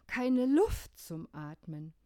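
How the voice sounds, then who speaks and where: Frantic panicky guy yelling for help, woman reading him out in a slow story. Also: lowish voice, sing-song, dry recording, studio quality. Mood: alarmed. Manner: frantic exclamations, calling for help. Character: panicked ordinary man frantic to tidy his house.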